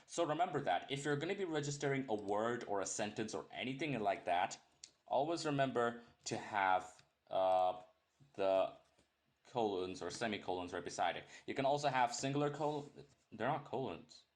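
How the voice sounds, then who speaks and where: A young man, a native English speaker, teaches programming in a casual screen-recorded coding tutorial, rambling, correcting himself often and tossing in jokes. His mid-range voice is animated and moves at a moderate pace.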